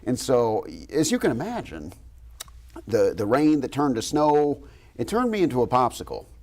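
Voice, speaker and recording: A TV news host tells a story in an animated, self-deprecating way, often breaking into light laughter. His delivery is chatty, with sudden bursts of speed. His voice sits at an ordinary middle pitch. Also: normal speed. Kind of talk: casual TV studio chat, anecdote. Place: TV news studio.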